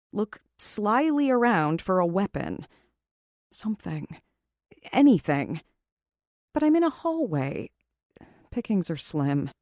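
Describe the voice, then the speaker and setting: Brief: woman reading first-person romance, animated and sarcastic, very dry close-mic sound. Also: medium pitch, no room sound. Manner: wry, sarcastic, expressive. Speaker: audiobook narrator.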